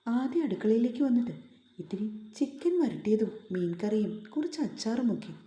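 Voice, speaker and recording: A woman's voice: on the high side, lively intonation, normal speed, dark tone, echoey room. A woman reading a story aloud as narrator, reading every character in one plain voice.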